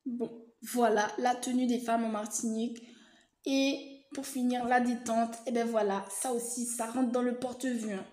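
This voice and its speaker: A woman's voice: fairly high pitch, steady tone, normal speed, darkish tone. Hesitant chatty woman, roomy echo. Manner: hesitant, frequent fillers and restarts, chatty; informal, reassuring asides. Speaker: vlogger. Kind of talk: casual explanatory monologue.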